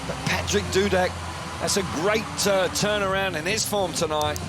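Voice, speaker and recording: A man doing live motorsport commentary, in an excitable style that rises with the action. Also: high-pitched, normal speed, very noisy. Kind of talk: live speedway race commentary.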